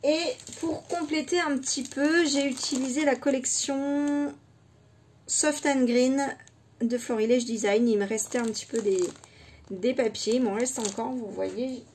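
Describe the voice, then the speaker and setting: A woman presents her scrapbooking project in a casual show-and-tell. Her voice sits a little high, and she speaks at a slow, unhurried pace. She thinks aloud and hesitates as she holds up each item, with faint noise under her speech. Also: steady tone, darkish tone. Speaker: scrapbooking vlogger.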